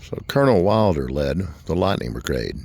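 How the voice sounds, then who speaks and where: Deep, animated middle-aged male vlog host. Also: normal speed, vocal fry. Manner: chatty, upbeat tour-guide narration. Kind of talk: casual narrated walkthrough. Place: inside a stone tower stairwell.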